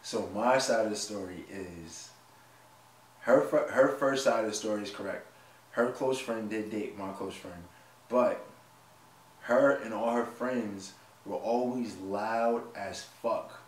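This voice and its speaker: A man in his late twenties chats casually on a vlog, joking around and laughing often as he tells stories. His voice sits a little low. It was recorded from a distance in an echoey room with a faint hiss behind it. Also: slow pace. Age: 20s. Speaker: vlog co-host. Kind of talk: casual chat.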